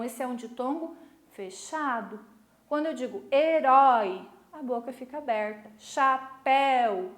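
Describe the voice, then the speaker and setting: High-voiced Brazilian teacher in an echoey room. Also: female voice. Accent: Brazilian Portuguese. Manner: explains slowly, stretches key syllables, checks in with "né?" and "tá?". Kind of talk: recorded online lesson for middle school.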